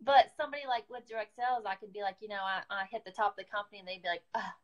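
A woman's voice: medium pitch, very fast, muffled recording. A woman, a beauty guide with an Oklahoman accent, telling a story in a chatty, casual live chat, full of fillers and quoted asides.

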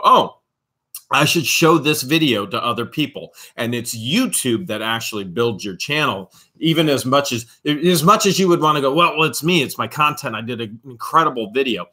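A man in his forties co-hosts a live Q&A stream from a small home studio. His voice is bright and forward at a medium pitch, and he explains points emphatically, jumping into quick impressions of how other people react. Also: husky. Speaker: co-host of a live Q&A show.

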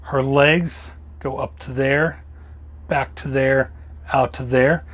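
A man's voice: mid-range voice, fairly even intonation, takes it slowly, a bit bright. A man hosting a toy review, slightly losing his voice, walking through each detail step by step in a casual show-and-tell style.

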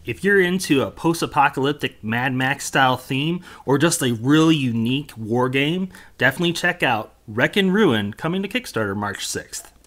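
A man co-hosting a board game preview, explaining the rules in a steady, plain way. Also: medium pitch, normal speed, hardly any pauses. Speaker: game reviewer co-host.

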